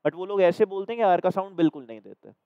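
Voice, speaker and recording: A man's voice: high voice, big pitch swings, fast talker, dark tone, dry recording. A man with a Hindi accent teaching a reasoning class, explaining exam questions step by step and checking that his students follow. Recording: dry, slightly dull recording.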